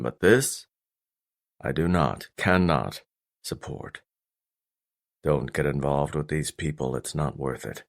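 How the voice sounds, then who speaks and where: A man with a deep, low, weighty voice portrays a stern, intimidating middle-aged father in an audiobook. His delivery is grave, deliberate and restrained, hiding a gruff love beneath it.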